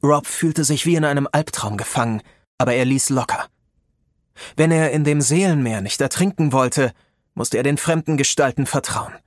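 A man reading a fantasy story aloud in a measured, unhurried way. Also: mid-range voice, no room sound, clean studio sound. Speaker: audiobook narrator. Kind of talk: scripted narration.

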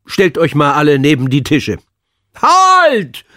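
A man's voice: on the high side, lively intonation, moderate pace, no room sound, clean studio sound, pitched above the performer's own voice, close to an everyday voice. A man voicing a stern, flustered male substitute teacher who is strict and exasperated with his class in a storybook reading.

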